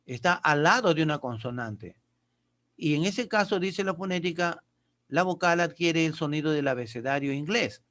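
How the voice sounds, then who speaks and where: A man's voice: fairly high pitch, animated, moderate pace, fairly bright tone. A male teacher giving a patient, explanatory lesson, often asking questions and answering them himself, with short check-in questions. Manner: patient, asks and answers his own questions.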